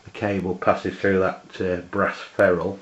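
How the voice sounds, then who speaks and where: An English amateur radio reviewer with a very low voice walks through a piece of kit in a casual, hands-on review. He speaks flatly, haltingly and matter-of-factly, and the audio sounds dull and lo-fi.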